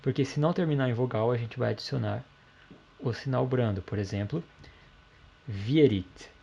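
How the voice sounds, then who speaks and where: A man teaching a language lesson, calmly explaining grammar step by step and checking in with the listener often. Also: medium pitch, moderate pace, vocal fry, muffled recording, a little hiss or hum.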